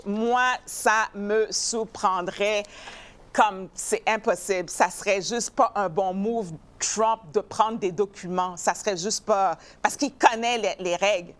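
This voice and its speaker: Emphatic woman hosting news commentary. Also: fairly high pitch. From not from Canada. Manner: animated, emphatic, stumbles and repeats words. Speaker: show host.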